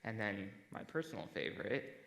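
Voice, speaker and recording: A teenage boy giving a prepared stage talk to a school audience, measured and dry, with a self-deprecating sense of humor. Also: lowish voice, expressive, vocal fry, fairly bright tone, poor audio. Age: teens. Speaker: student speaker.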